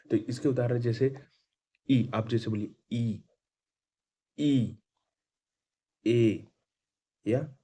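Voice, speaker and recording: A man's voice: mid-range voice, dark tone, slightly rough. A man teaching a grammar lesson, who sounds out vowels aloud and asks and answers his own questions.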